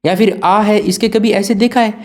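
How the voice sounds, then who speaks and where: Male teacher, mellow voice, lecture style with questions to the class. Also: sits high, steady tone, normal speed. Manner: asks students questions and answers them himself. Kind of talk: classroom lesson.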